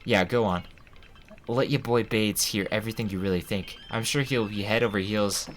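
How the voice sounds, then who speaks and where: A man's voice: fairly low pitch, fairly even intonation, moderate pace, slight background noise, natural voice. A man reading the lines of a bratty, feisty teenage girl from a game, in a snappy, mocking way.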